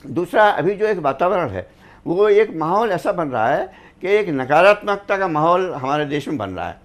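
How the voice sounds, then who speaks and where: This is a man on a studio news panel, talking in a measured and reflective way. He weaves couplets and old sayings into his points. His voice sits a little higher than most men's. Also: sing-song. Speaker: panelist, former government officer.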